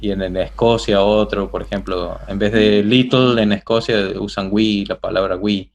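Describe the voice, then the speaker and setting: A man's voice: fairly low pitch, fairly even intonation, normal speed, lo-fi sound. An Argentine man with an Argentine Spanish accent, a guest chatting casually in an interview, rambling with many fillers and restarts.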